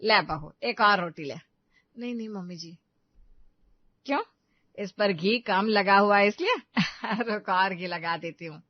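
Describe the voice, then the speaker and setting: A woman's voice: mid-range voice, unhurried, long pauses, dry recording, natural voice. A woman voicing a stern, scheming middle-aged mother-in-law in a cartoon story, bossy and scolding, on dull, dry, lo-fi audio. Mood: sweetly fake. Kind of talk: animated storybook voice acting.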